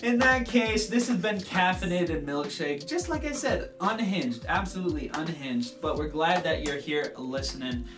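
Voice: mid-range voice, normal speed, hardly any pauses. A podcast co-host in casual, jokey chat, recorded from far off in a roomy space with music behind. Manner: jokey and playful.

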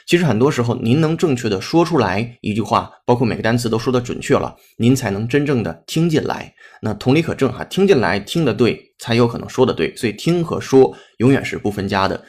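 A man's voice: medium pitch, a little mellow. A man teaching an English pronunciation lesson, explaining at length and spelling words out letter by letter. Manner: explanatory, spells words out and repeats them slowly.

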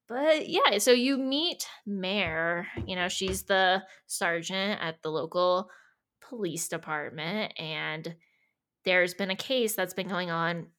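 A woman co-hosting a podcast, recapping a show in relaxed casual chat, often pausing on "um". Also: fairly low pitch. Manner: relaxed recap with many ums and filler words. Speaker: podcast co-host.

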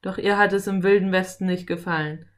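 A woman's voice: on the low side, steady tone, brisk, lightly acted. A woman voicing a friendly adult male cowboy, telling a campfire ghost story in an easygoing way. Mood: storytelling. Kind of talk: audiobook character reading.

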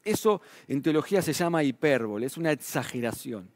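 A man's voice: a little high, lively intonation, a little fast, a little mellow, no room sound. A man preaching a sermon in a Rioplatense Spanish accent, talking in a conversational way with frequent tag questions and his voice rising and falling for emphasis. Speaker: pastor.

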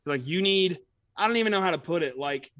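A man's voice: sits high, expressive, a little fast, fairly bright tone, dry recording, studio quality. A man co-hosting a casual podcast, rambling and full of "you know" and "like". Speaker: podcast co-host.

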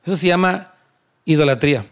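A man's voice: fairly high pitch, brisk, clear, resonant tone. A man preaching a sermon, telling stories conversationally and repeating key phrases for emphasis.

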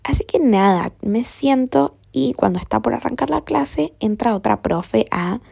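A woman's voice: on the high side, lively intonation, a little slow, vocal fry, darkish tone, breathy edge, no room sound, studio quality. A young woman with an Argentine accent tells a story in a casual, chatty way. She swears a lot, uses plenty of slang and often drops to a whisper. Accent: Argentine Spanish.

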